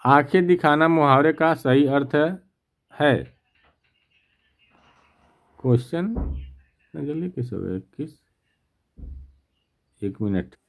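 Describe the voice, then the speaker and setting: A man with a fairly high voice talks slowly and patiently through a practice quiz. He reads out every option, then explains the answer in a steady, methodical way. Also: vocal fry. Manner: repeats "theek na" to check. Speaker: teacher. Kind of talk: exam practice lesson.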